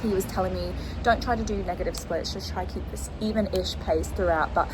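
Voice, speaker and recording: A woman's voice: fairly low pitch, a little fast, background noise. A young adult woman chatting casually to her viewers as a vlogger. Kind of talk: casual chat to camera.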